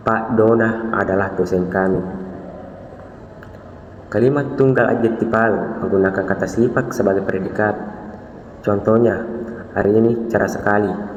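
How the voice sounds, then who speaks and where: Young man, student presenter, deeper voice, measured reading, long room reverb, faint hiss. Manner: measured, even reading of definitions. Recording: dull echoey recording in a reverberant room.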